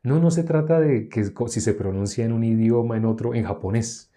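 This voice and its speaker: A man preaching a sermon, teaching with rhetorical questions and emphatic swings in pitch. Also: moderate pace, dark tone.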